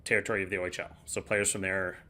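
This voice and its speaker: Male co-host, lowish voice with a bright, forceful edge, relaxed explainer. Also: very fast. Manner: explanatory, relaxed, plain-spoken. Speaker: podcast co-host, hockey analyst. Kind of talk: casual sports analysis.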